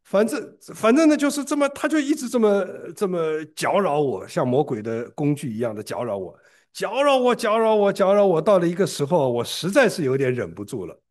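A man from preaching a sermon, telling a story in an animated way and often repeating and restarting words. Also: fairly quick, hardly any pauses. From Shanghai, China. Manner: animated storytelling with big pitch swings and frequent repeated restarts.

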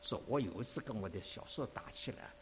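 Animated man preaching. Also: lowish voice, a little fast, slight background noise. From Dinghai, Zhejiang, China. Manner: animated storyteller, expressive and conversational. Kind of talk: sermon with personal testimony.

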